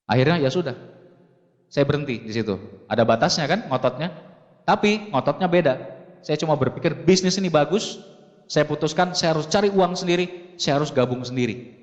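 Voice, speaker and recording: A man in his thirties from Makassar giving an animated motivational talk from a seminar stage, turning to address the audience often. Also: fairly high pitch, brisk, long pauses, muffled recording. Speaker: seminar speaker. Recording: long hall reverb.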